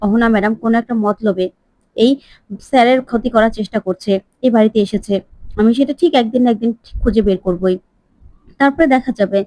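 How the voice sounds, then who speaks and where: A woman's voice: on the high side, fast, long pauses, mellow, dry recording, lightly acted. A woman voicing a defiant young woman from a slum, who pleads her innocence in a story retelling.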